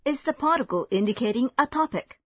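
In a scripted language lesson, a woman with a slightly high, breathy voice explains things clearly and at a measured pace while staying expressive. The recording is close and dry, with no room sound.

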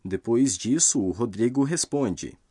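A man narrating a scripted language lesson, explaining grammar rules slowly and carefully. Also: mid-range voice, lively intonation, mellow, husky, no room sound, clean studio sound.

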